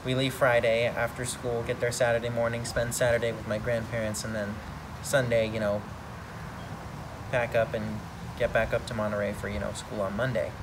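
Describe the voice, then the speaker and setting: A man's voice: mid-range voice, normal speed. A man from the United States, the son of an Army veteran, telling his story in a loose, conversational way. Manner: conversational, rambling, many fillers. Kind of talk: personal storytelling interview. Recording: outdoor take with steady background noise.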